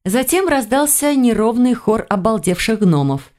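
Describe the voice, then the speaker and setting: A woman reading a first-person fantasy audiobook in a lively, expressive storytelling manner. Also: fairly high pitch, moderate pace. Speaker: audiobook reader. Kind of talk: scripted first-person narration.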